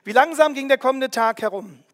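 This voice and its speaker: High-voiced male storyteller with a long echo. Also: fairly quick, a bit bright. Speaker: narrator. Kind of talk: first-person storytelling narration.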